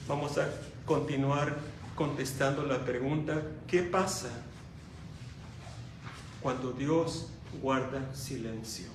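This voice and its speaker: A male pastor preaching a sermon, slow and dramatic, swinging from loud emphasis to hushed tones. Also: mid-range voice, background noise. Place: church. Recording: echoey church hall, from far off.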